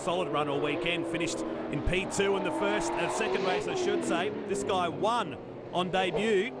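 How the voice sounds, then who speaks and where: Punchy high-voiced man calling motor racing. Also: normal speed, loud music behind the voice. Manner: punchy, excitable play-by-play in short bursts. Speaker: motorsport commentator. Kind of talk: live motor racing television commentary. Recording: loud race car engine noise. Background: racing cars and trackside ambience.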